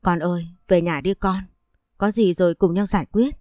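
Woman narrator as an anxious older mother, sobbing and imploring, low warm voice. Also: steady tone, normal speed, no room sound, clean studio sound, soft background music, lightly acted. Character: anxious older mother begging her daughter.

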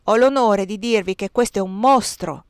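A woman voicing a fussy, pedantic male bookkeeper for a convent, excitable and alarmed. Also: medium pitch, moderate pace, clear, resonant tone, dry recording, clean studio sound, lightly acted. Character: fussy, alarmed old male accountant-priest.

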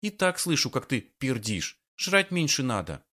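A man reading an audiobook, voicing a sharp-tongued, bossy young woman who scolds and mocks. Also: mid-range voice, very animated, measured pace, voice pushed up, heavily acted. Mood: mocking. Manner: scolding, mocking.

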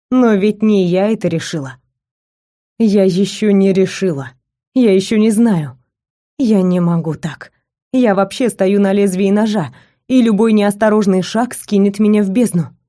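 A woman reading a first-person romance story aloud with measured, intimate storytelling. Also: medium pitch, warm tone. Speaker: narrator.

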